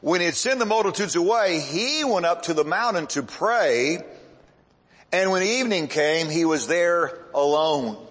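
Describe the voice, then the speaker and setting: Male pastor, higher pitch, dramatic preaching with long pauses; reverberant church hall. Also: fairly bright tone. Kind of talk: sermon.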